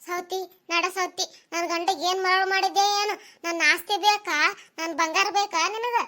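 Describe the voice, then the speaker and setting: A fiery cartoon village wife with a very high, bright voice and a sharp, scolding tongue, as a woman voices her. Her words carry a North Karnataka Kannada accent. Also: fairly even intonation, normal speed. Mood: furious.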